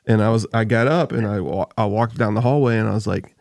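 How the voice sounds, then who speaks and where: A man's voice: lowish voice, fast talker, vocal fry, a little mellow, dry recording, studio quality. A man hosting a podcast, chatting casually and rambling, often laughing. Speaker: podcast host. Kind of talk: casual chat. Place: home. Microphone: desk microphone.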